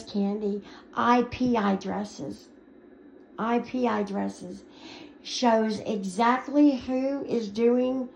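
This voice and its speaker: A woman's voice: on the high side, creaky, a little mellow, a little hiss or hum. A woman ranting to the camera, scolding and sarcastic as she answers someone she is angry at. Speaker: commentary vlogger. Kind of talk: angry response rant to camera. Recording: echoey lo-fi recording with faint ambience.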